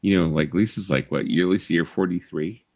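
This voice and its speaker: A man in his fifties with a low, gravelly voice, chatting loosely on a live stream. He rambles, swears freely and leans on you-knows. The sound is dry and close. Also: fairly quick, a little mellow, no echo. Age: 50s. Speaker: livestream host. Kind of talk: casual live-stream chat.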